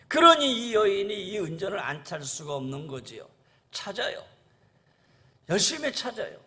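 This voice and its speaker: A man's voice: sits high, fairly bright tone. A male pastor preaching a sermon to his congregation, earnest and repetitive, often calling out to the listeners and reading scripture aloud. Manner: earnest preaching, repeats "라는 거예요" endings; addresses the congregation as "여러분".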